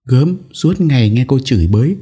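A man putting on a fretful elder matriarch in a storybook reading. She chides and frets in a lifted, husky voice that rises and falls a great deal. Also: medium pitch, expressive, normal speed, dark tone, voice pushed up. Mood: chiding. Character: elder first wife, older woman of the house.

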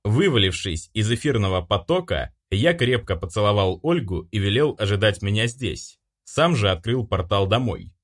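Выразительный мужской голос рассказчика. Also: male voice, lowish voice, big pitch swings, moderate pace. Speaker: audiobook narrator. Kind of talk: scripted first-person fantasy narration.

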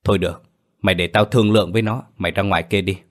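A man's voice: sits low, steady tone, racing, natural voice. A man voicing an old village exorcist who commands and chants spells in a storybook tale. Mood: stern. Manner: commanding, then chanting incantations.

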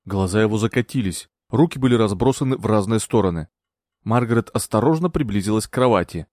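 A man reading a novel aloud as a narrator, expressive and dramatic. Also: lowish voice, quick pace, dry recording. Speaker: audiobook narrator. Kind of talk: scripted narration.

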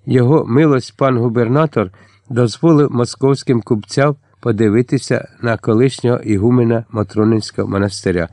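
An audiobook narrator reads a novel from a script, his medium-pitched voice measured and even. The sound is close and dry, with no trace of room ambience.

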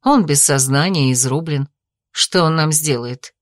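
A woman voicing a hesitant middle-aged noble mother who speaks in an uncertain, measured way in an audiobook. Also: deep voice, no echo, clean studio sound, pitched below the performer's own voice. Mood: uneasy.

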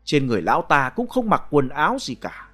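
A man narrating a ghost story aloud in a dramatic, expressive way. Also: a little high, a little fast, soft background music.

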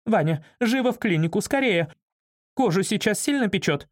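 A man reading an audiobook, voicing a frantic, shrill woman who shrieks and scolds. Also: lively intonation, moderate pace. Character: shrill frantic woman, fashion designer's assistant.

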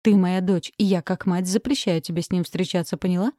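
A woman's voice: fairly low pitch, fairly even intonation, fairly quick, warm tone, no echo, studio quality, lightly acted. A woman voicing a strict, furious middle-aged mother who gives harsh commands in an audiobook. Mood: commanding.

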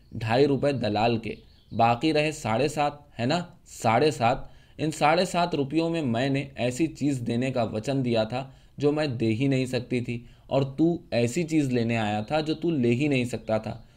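A man reading the lines of a scornful, fiery young woman who mocks and cuts, rising to shouts. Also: medium pitch, natural voice. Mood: mocking. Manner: mocking, cutting, rising to shouts.

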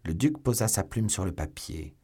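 A man's voice: sits low, big pitch swings, moderate pace, mellow, breathy edge. A man narrating a classic novel as an audiobook, reading dramatically and voicing every character.

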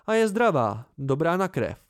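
A man voicing a weary, soft-spoken innkeeper in an amateur audiobook, with a raised, plaintive delivery. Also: a little high, very animated, clean tone, dry recording, studio quality, voice pushed up.

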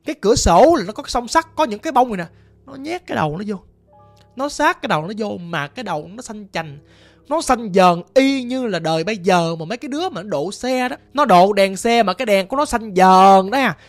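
Narrator doing a cruel, scared old matriarch, Southern Vietnamese, blunt talk, soft music bed. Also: medium pitch, animated, a little fast, close to an everyday voice. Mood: frightened. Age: older. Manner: blunt, coarse, frightened. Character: cruel, fearful rich old mother.

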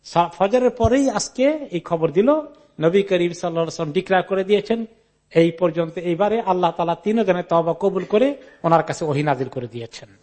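A man's voice: high-pitched, expressive, a little fast, darkish tone. A man giving a Quran commentary lecture. He recites Arabic narration, explains it in Bengali with English words mixed in, and retells the story in the first person. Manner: mixes English words into his talk.

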